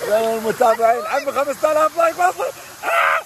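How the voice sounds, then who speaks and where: A man in his thirties with an Iraqi Arabic accent, exclaiming excitedly as he vlogs casually while standing in ice cold water. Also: high-pitched. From Iraq. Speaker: vlogger. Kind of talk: casual selfie vlog. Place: outdoors, in a lake beside a fountain. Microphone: phone at arm's length. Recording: noisy outdoor phone audio, rushing water.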